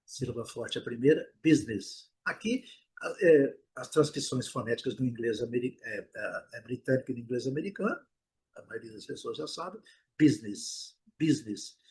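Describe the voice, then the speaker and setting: Raspy Brazilian man teaching pronunciation. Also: mid-range voice, lively intonation, a little mellow, low-quality recording. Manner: drills words by slow repetition; explanatory, with rhetorical check-ins. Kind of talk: recorded online lesson.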